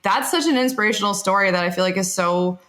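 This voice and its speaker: A woman's voice: mid-range voice, quick pace, fairly bright tone. A woman podcast host chatting in an enthusiastic, supportive way. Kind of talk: casual interview chat. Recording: roomy echo.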